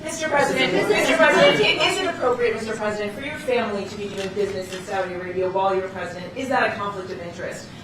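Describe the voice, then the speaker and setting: Fast pressing woman reporter, echoey room. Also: mid-range voice, over a noisy crowd. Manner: persistent, pressing. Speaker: news reporter. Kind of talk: press questioning. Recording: very echoey, distant, noisy.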